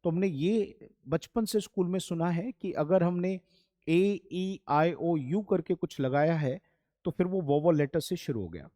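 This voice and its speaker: A man's voice: a little high, expressive, measured pace, mellow, no room sound, studio quality. A man teaching English grammar, patient and repetitive, addressing students as children. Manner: patient, repeats points, calls students "beta" and "bachhon". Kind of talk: classroom lesson.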